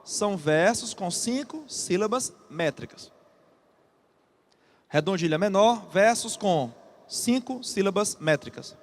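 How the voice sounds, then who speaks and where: A man's voice: high voice, animated. A Brazilian man teaching an exam-prep literature class, reading a poem aloud and then explaining it with frequent checks to the students. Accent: Brazilian Portuguese. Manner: repeats key terms slowly for students to note.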